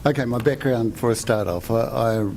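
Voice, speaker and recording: A man's voice: medium pitch, normal speed, gravelly, background noise. An older man with a New Zealand accent presenting to a city budget committee in a rambling, self-deprecating way, speaking into a desk microphone in a meeting room. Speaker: asset management coordinator.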